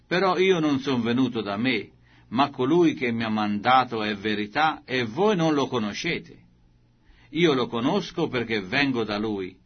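A man voicing a solemn male religious teacher who speaks to a crowd in a slow, grave, emphatic way, in a scripture reading. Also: mid-range voice, slightly rough, lo-fi sound. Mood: proclaiming.

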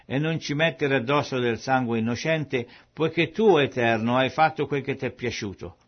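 A man reading aloud voices terrified sailors, pleading and alarmed, with his voice rising higher. The recording sounds muffled and lo-fi. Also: moderate pace, natural voice. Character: terrified group of male sailors. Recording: dull lo-fi recording.

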